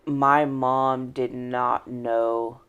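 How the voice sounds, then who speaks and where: A woman's voice: extremely low pitch, flat delivery, extremely slow, fairly bright tone, smooth, dull audio. A woman telling her personal life story in an interview, earnest and reflective, often trailing off and restarting her sentences. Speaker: podcast guest.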